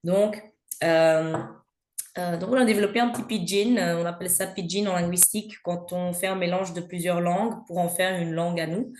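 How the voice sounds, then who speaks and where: A woman's voice: fairly low pitch, steady tone, moderate pace, darkish tone. Hesitant Belgian woman, echoey room. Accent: Belgian French. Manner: hesitant, frequent filler sounds. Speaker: guest. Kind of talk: conversational interview. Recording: roomy echo.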